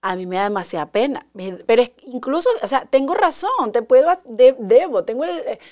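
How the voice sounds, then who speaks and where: A woman's voice: on the high side, animated, brisk, darkish tone. A woman, chatting casually and confidingly as a podcast host. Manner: chatty and confiding, reads friends' messages aloud. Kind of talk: casual solo podcast chat.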